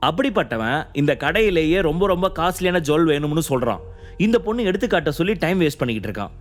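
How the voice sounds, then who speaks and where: A man voicing an arrogant rich young man who talks down to others and blusters loudly. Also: fairly high pitch, pitched above the performer's own voice, natural voice. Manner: blustering, shouting, condescending.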